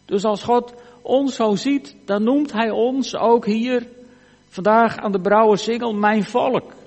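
Guy preaching in church, fairly high voice, long echo off the hall, earnest and goes soft n quiet a lot. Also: steady tone, slow. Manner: earnest, swings from emphatic to hushed. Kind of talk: sermon.

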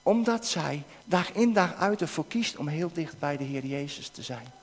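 A man leading an interactive children's talk in church, coaxing the kids with questions and now and then breaking into shouts. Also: on the high side, lively intonation, moderate pace, breathy edge. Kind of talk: interactive object lesson with children. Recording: long hall reverb.

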